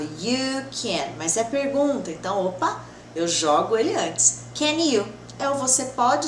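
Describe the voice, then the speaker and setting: A woman teaching English grammar with patience and checking in with her students often. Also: fairly high pitch. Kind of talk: explaining grammar to the camera. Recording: echoey room with faint background noise.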